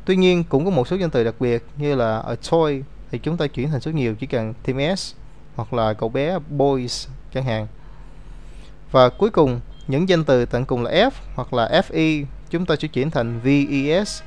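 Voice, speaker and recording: A man's voice: mid-range voice, animated, unhurried, darkish tone. A man teaching an English grammar lesson, explaining rules step by step and reading out example words.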